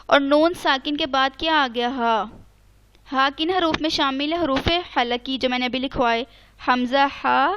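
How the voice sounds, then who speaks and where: A woman teaching an online Quran recitation lesson, patiently explaining each rule step by step, slowly spelling out letters and mixing English words into her speech. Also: high voice, a bit bright, smooth, dull audio. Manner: mixes English words into Urdu.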